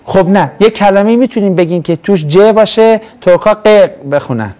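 A man's voice: sits high, animated, mellow. A man from Mashhad teaching a classroom lesson on Quran verses, chatty and joking, often asking his students questions. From Mashhad, Iran. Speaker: religious studies teacher.

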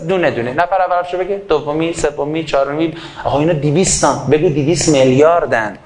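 A man giving an impassioned sermon into a microphone. He swings between loud fervor and quiet asides and acts out little dialogues. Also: a little high. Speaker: preacher.

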